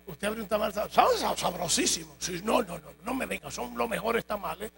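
A man preaching a sermon in a church, telling jokes and stories in a lively way. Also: sits high, brisk, gravelly, low-quality recording. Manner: animated, joking storytelling. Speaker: pastor. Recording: faint mains hum.

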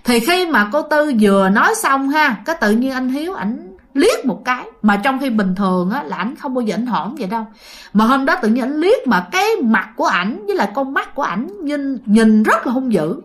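A woman's voice: high-pitched, sing-song, normal speed. A woman with a Southern Vietnamese accent telling a ghost story in a chatty, casual way, often talking directly to her listeners. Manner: chatty, with fillers, addressing listeners.

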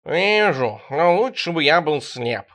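Sour muttering talking cat, voiced by a man, grumpy, sardonic, storybook reading, lively swings of pitch. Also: unhurried. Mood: grumbling. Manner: mutters sourly.

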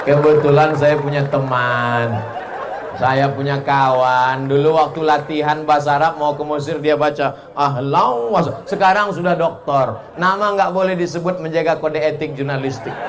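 A man preacher giving a humorous religious lecture, animated and joking, often slipping into chuckles. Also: a little high, normal speed. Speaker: Islamic preacher.

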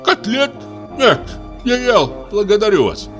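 A man's voice: sits high, sing-song, measured pace, fairly bright tone, faint music behind, pitched above the performer's own voice, exaggerated voice. A man playing a deaf, pompous old sea captain. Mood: indignant. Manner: mishears, then blusters indignantly.

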